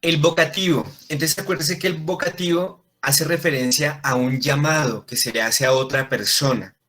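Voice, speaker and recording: A man's voice: a little high, steady tone, normal speed, a bit bright. A man teaching a Latin class, explaining patiently and checking in with frequent questions to his students. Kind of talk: classroom lesson.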